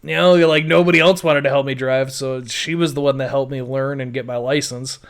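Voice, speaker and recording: An adult podcaster tells his own life story in a casual, rambling audio-blog monologue full of "like" and "you know." His medium-pitched voice moves a little fast with fairly even intonation.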